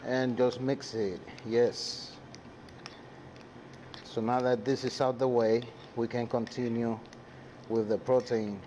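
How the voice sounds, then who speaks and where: A Dominican-accented man, a native Spanish speaker from the Dominican Republic, chats casually with viewers and crew while hosting a live cooking class. His warm, mid-range voice has a flat delivery, and he takes it slowly, pausing often. Sizzling and kitchen noise are clearly audible.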